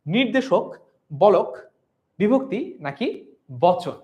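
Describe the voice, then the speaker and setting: A man's voice: high-pitched, very animated, takes it slowly, a little mellow, highs cut off. A young man teaching a live online revision class, asking questions and answering them himself, stretching out words to demonstrate pronunciation.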